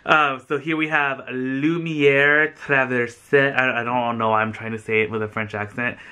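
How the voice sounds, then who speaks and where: A bright-voiced, chatty American man vlogs to the camera from a sofa in a small furnished indoor room; he's a vlogger and thrift reseller. He rambles effusively with frequent "like." His voice is medium in pitch, level, smooth, and measured in pace.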